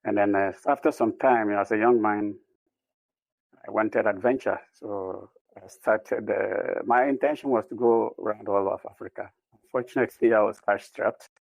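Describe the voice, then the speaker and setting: A man from Ghana, a podcast guest giving a steady, plainly told account of his life. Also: fairly low pitch, moderate pace, gravelly, dry recording, low-quality recording. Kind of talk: conversational self-introduction.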